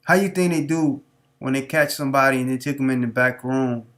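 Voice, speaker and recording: A man's voice: medium pitch, a little fast, fairly bright tone. Guy on a live stream going off, preachy and repetitive, street talk, keeps hammering the point. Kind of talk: unscripted monologue.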